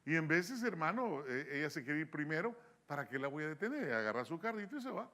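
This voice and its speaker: A middle-aged man preaching a sermon as a church pastor, impassioned, acting out quoted voices and rising to loud peaks. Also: on the high side, very animated, a little fast. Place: church sanctuary.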